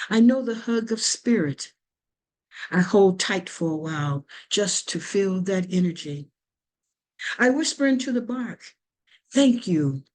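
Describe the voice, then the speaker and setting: A woman poet reciting her spoken word pieces slowly and deliberately over a video call. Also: medium pitch, darkish tone. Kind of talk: spoken word poetry reading.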